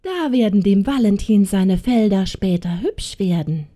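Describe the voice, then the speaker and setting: A woman voicing a greedy, flattering old witch with a cooing, sing-song voice. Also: medium pitch, a little slow, close to an everyday voice. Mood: whispering.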